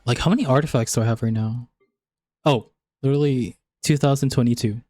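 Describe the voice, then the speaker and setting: With music playing in the background, a gaming livestreamer chats casually, frequently using "like." His voice is medium-pitched, brisk and dark.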